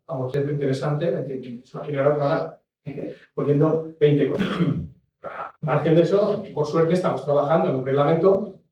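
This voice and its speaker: A man's voice: a little high, mellow, highs cut off, slight background noise. A man giving a rambling talk as an industry expert, restarting and adding asides. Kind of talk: talk on packaging regulation. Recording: echoey room from far off mic.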